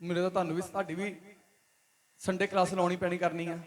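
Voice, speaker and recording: Punjabi-accented male pastor, very high voice, emphatic repetitive sermon delivery. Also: level tone, fast. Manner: preaching with rising emphatic questions and repetition. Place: church hall.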